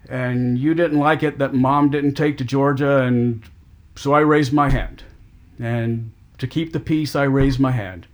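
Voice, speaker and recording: Halting middle-aged man, restarting sentences. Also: mid-range voice. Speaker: family caregiver on a call. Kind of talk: emotional family phone conversation.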